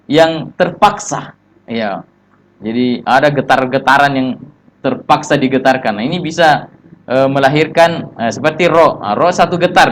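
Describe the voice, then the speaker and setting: A man with an Indonesian accent teaching tajwid, explaining in short phrases and slipping into slow chanted recitation. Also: a little high, slight background noise. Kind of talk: religious tajwid lesson with recited examples.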